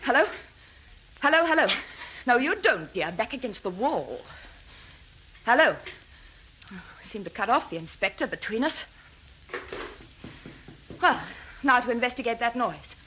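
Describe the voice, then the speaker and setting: Plucky, bright-voiced woman sleuth. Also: on the high side, sing-song, a little hiss or hum, heavily acted, low-quality recording. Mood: brisk, commanding. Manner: brisk, wry, commanding. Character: plucky, cool-headed woman amateur sleuth, brisk and wry. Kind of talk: scripted radio thriller acting.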